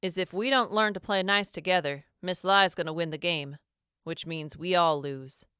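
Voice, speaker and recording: A woman voicing an easygoing calm man. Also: lowish voice, moderate pace, clean tone, dry recording, clean studio sound. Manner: calm, casual, reassuring.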